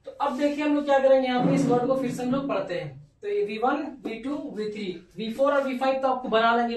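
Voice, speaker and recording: A woman's voice: high-pitched, distant mic. A woman teaching English grammar in Hindi, spelling words letter by letter, repeating verb forms and asking rhetorical check-in questions. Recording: echoey room, voice off-mic.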